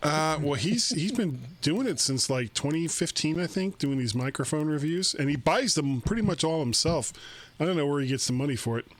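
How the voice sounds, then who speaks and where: An older man hosts a casual tech podcast over a video call from a room at home, talking at normal speed in a slightly high, expressive voice. He rambles, chats and laughs easily into a studio microphone mounted on a boom.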